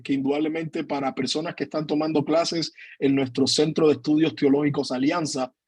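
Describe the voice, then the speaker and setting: A man's voice: on the high side, a little mellow, breathy edge, no room sound. A man, a pastor giving an earnest online teaching talk, hesitating often with fillers, on a computer mic during a video call. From Cuba.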